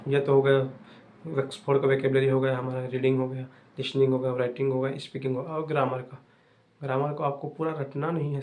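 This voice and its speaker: A young man hosting an English-learning channel, giving fast, repetitive, casual advice to viewers. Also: medium pitch, a little mellow.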